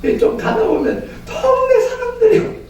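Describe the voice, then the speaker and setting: High-voiced, animated male pastor preaching. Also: normal speed, muffled recording, a little hiss or hum. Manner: animated storytelling, often acting out voices. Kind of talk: sermon. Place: church sanctuary. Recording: echoey church from far off.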